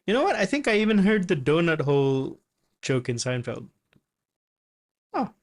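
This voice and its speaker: A man giving casual reaction commentary on a comedy clip, relaxed and chatty, laughing often. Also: fairly high pitch, moderate pace.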